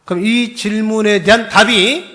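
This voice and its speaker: A male pastor preaching a fiery sermon, quizzing the congregation and swinging from shouts to hushed whispers. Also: high voice, fairly even intonation, normal speed.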